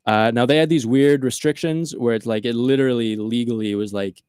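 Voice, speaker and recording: Animated man telling a story, dry sound. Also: mid-range voice, brisk, clean tone, no room sound. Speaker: podcast host. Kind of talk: casual storytelling chat.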